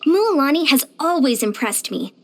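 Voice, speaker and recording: A small, determined, energetic young woman serves as a fitness coach in a video game, voiced very high and lively with pitch that jumps around a lot. Her animated lines come out chatty, confident, earnest and plainspoken at normal speed, carrying warm admiration.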